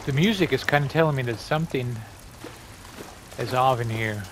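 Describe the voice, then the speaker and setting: A man's voice: mid-range voice, normal speed. Upbeat male gaming host, rambling asides while he plays, faint game noise under him. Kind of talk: casual gameplay commentary.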